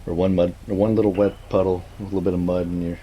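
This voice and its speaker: A man's voice: sits low, flat delivery, fast talker, muffled recording, a little hiss or hum. A man chatting casually on a stream, chiming in with short agreements and laughing often. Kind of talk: casual chat.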